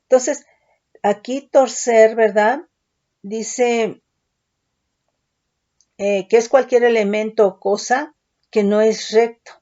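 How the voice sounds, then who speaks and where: A woman's voice: fairly high pitch, dark tone. A woman teaching a Bible study, explaining word meanings step by step and often checking in with her listeners. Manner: explains words step by step, asks "¿sí?" and "¿verdad?" often. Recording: dull lo-fi recording.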